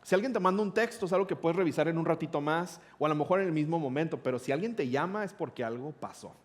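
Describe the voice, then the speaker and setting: A man's voice: a little high, fast talker. Pastor guy, middle-aged, chatty sermon story, acts out the conversations. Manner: conversational, animated retelling with quoted dialogue.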